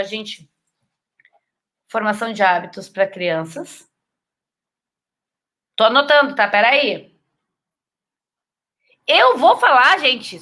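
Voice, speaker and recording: A high, bright-toned woman with a Brazilian Portuguese accent hosts a casual live stream from home. She chats freely and reads viewer comments aloud, greeting them with affectionate sign-offs. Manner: chatty, warm greetings to viewers, sends kisses.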